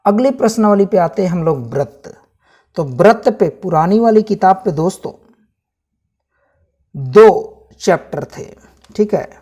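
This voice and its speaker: A man's voice: high-pitched, animated, a little slow, pauses often, mellow, husky. Man teaching syllabus walkthrough. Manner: repeats items, addresses viewers as friends. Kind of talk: casual syllabus walkthrough lesson.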